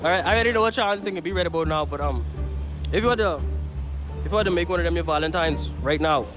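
A man's voice: on the high side, fast talker. A young man with a Bahamian accent, playfully teasing and quizzing strangers with a handheld mic in a busy shopping mall. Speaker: co-interviewer. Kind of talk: casual street interview. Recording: mall crowd and background music.

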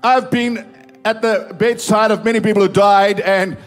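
High-voiced man preaching. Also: steady tone. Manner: preaching, reading scripture aloud with emphatic pauses. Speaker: pastor. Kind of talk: sermon. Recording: live church service with faint music behind.

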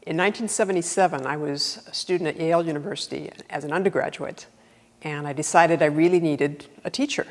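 Deep-voiced woman telling fond stories. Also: brisk, long reverb tail. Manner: warm storytelling, affectionate. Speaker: guitarist and former student. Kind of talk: anecdotal testimonial.

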